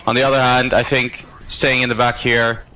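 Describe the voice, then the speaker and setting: A man's voice: medium pitch, flat delivery, moderate pace, pushed and bright, low-quality recording. A man giving reflective, self-critical commentary on his own match, with hesitant fillers between thoughts. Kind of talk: gameplay commentary.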